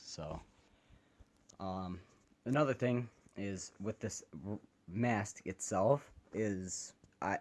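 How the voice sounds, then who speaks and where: Guy with a lowish voice, chatty unscripted review filmed on his phone. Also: darkish tone. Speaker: gas mask reviewer. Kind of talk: casual unscripted product review. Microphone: handheld phone camera.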